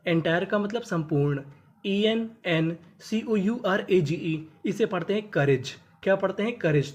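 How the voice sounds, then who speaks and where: A teacher spelling out English words letter by letter, sounding them out and then giving each word's meaning. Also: a little mellow. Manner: drops pitch on the last word of each list. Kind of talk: spelling and phonics lesson.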